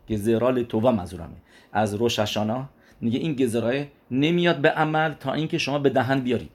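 A man giving an explanatory religious lesson. He poses questions and answers them himself, weaves Hebrew religious terms into his speech, and often repeats and restarts phrases as he explains. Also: medium pitch. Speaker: religious teacher.

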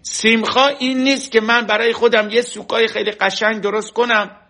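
A man teaching a religious lesson through a story, telling it lively and acting out the voices of the people in it. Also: sits high. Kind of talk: storytelling sermon. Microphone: online class stream.

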